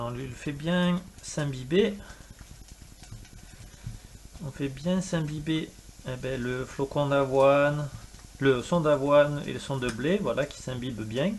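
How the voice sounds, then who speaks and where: A man talking casually through a home cooking demonstration, chatty with jokey asides while he works. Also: on the high side. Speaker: cooking video host.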